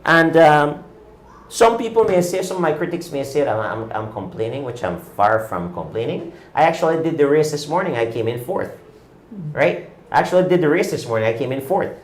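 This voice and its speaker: Very animated and brisk, this cycling talk-show host in his fifties rants indignantly in a slightly high voice, hammering home his opinions with one rhetorical question after another. The sound is roomy, with a little hiss or hum.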